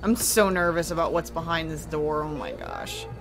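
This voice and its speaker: A woman's voice: low-pitched, very animated, moderate pace, vocal fry, over music. A woman hosting a horror reaction video who comments casually, ranting and exclaiming in fright.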